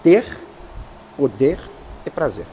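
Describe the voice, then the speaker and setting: A man, a priest, teaching a class, explaining slowly and stressing each term. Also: fairly high pitch, big pitch swings, mellow, long reverb tail, slight background noise. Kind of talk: lecture.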